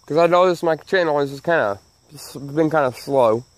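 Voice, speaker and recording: With a fairly high voice and a slightly fast pace, a Southern channel host rants emphatically to camera in a folksy way, looping back on the same phrases. Missing front teeth slightly slur his sibilants. The recording has no room sound.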